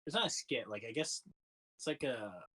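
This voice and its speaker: A man's voice: medium pitch, lively intonation, moderate pace, sharp tone. A man in his twenties from California, chatting casually as a podcast guest, laughing often and full of fillers. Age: 20s. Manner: laid-back, laughing often, lots of fillers. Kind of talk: casual chat.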